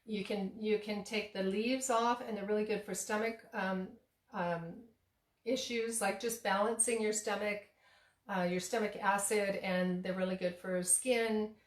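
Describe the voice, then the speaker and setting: In an echoey home kitchen, a woman who runs a tea shop and vlogs about cooking talks a little slowly in a mid-range voice with fairly even intonation. Her casual demo chat rambles, full of fillers and restarts, and she laughs at herself. She sounds slightly hoarse, like she's losing her voice.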